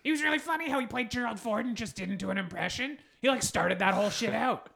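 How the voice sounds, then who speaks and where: A man's voice: extremely high pitch, fast, vocal fry, pushed and bright. A man hosting a casual comedic chat, sarcastic and riffing in mock-grand asides. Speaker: podcast host.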